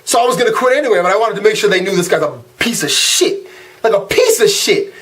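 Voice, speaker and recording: A man hosting his own channel, delivering a comedic, profane rant monologue in an animated way. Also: sits high. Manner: fast-talking, animated and profane. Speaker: channel host.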